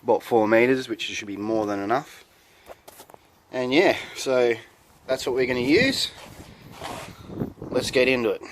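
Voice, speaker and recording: A man's voice: medium pitch, unhurried, pauses often. A man giving casual, colloquial narration as host of a hands-on DIY car video. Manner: laid-back, colloquial, plain-spoken.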